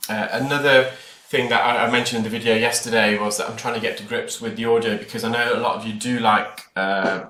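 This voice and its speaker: A man's voice: mid-range voice, steady tone, brisk, few pauses, bright, forceful tone. A man giving informal explanatory voice-over in a hesitant, rambling way, talking to viewers as a clinician. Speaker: ear care clinician narrating own procedure videos. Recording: echoey room, clear background noise. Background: background noise of the procedure.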